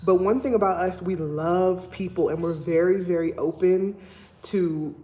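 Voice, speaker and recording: Speaking with a Liberian accent, a young woman from Liberia chats casually to her livestream viewers in a voice on the low side and a little slow. She's a vlogger who tells stories in an animated, emphatic way.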